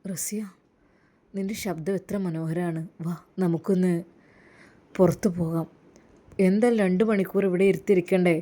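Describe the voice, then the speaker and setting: A woman voicing a lecherous, smooth-talking villain man in a low, wheedling tone. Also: fairly even intonation, moderate pace, long pauses, dark tone, close to an everyday voice. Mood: coaxing.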